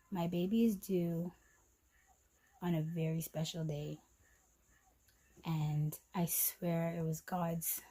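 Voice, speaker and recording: In a rough recording, a young woman whose voice sits on the low side tells an emotional personal story on her vlog about going through a hard time. She repeats herself, nearly cries at moments, and trails off softly and quietly amid many fillers and restarts.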